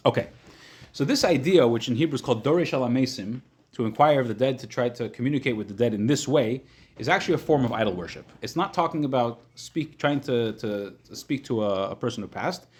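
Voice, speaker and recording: Husky-voiced rabbi teaching a class. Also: male voice, mid-range voice, animated. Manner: explanatory, repeats and rephrases points, halting at times. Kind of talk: informal religious lesson to a live group, reading and explaining texts.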